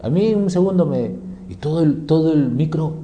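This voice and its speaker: A man's voice: a little high, animated, normal speed, warm tone, a little hiss or hum. A man preaching a sermon, emphatic, firing rhetorical questions and answering them himself.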